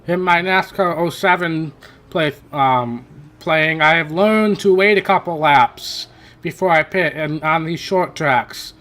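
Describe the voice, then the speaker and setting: Here a gaming channel host speaks slowly in a voice on the high side, bright and forceful. His commentary on a racing game is casual and wandering, full of self-corrections and chatty asides, and his voice is worn from talking for hours.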